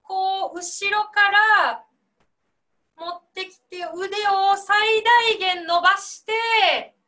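Woman singing teacher, high and bright, gentle explanations with demonstrated sounds, video call audio. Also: fairly even intonation, extremely slow. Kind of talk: online voice class instruction.

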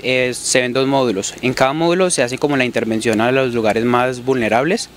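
Young male student, halting speech, outdoor interview. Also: mid-range voice, fairly even intonation, slight background noise. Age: young adult. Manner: hesitant, many fillers. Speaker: nursing student. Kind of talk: interview answer.

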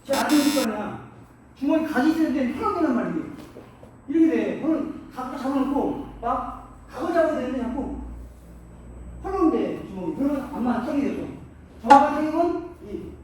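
A man's voice: very high voice, expressive, fairly quick, a little mellow, distant mic, a little hiss or hum. A middle-aged man coaching boxing hands-on, giving short punchy commands and calling out punch sounds. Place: boxing gym. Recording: echoey gym, mic from afar.

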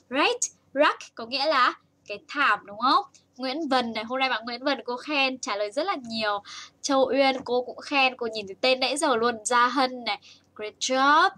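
A woman's voice: sits high, bright, forceful tone. A young adult woman with a Vietnamese accent teaching English to small children live, reading viewers' comments aloud with bouncy praise. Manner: bouncy, praising, switches between slow English and rapid Vietnamese.

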